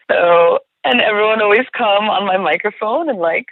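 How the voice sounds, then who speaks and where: Over a tinny phone line with no echo, a mid-range-voiced woman from the New Jersey side of things (she has that accent) chats upbeat and rambling as a tour guide guest on a casual podcast. She restarts frequently and leans on "like" constantly.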